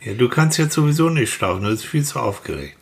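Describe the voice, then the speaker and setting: A man playing a gentle male caretaker who talks softly and coaxingly. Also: mid-range voice, fast, gravelly. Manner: soft, coaxing and calm.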